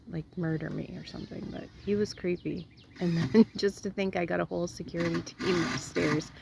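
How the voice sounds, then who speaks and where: A middle-aged woman with a raspy, sore-throated voice, rambling through a casual story for her viewers with lots of fillers and laughter. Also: lowish voice, a little hiss or hum. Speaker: vlogger.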